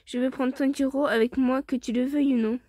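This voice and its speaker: Woman reading as a young male swordsman, stern, protective, blunt, high-pitched, dry. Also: steady tone, a little fast, a little mellow, no room sound. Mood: firm.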